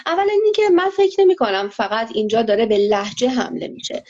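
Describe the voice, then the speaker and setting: A woman answering interview questions in a measured, analytical way, pausing often with fillers. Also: a little high, sing-song, darkish tone. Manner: measured, hesitant, many filler pauses. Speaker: interview guest. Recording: lo-fi muffled audio.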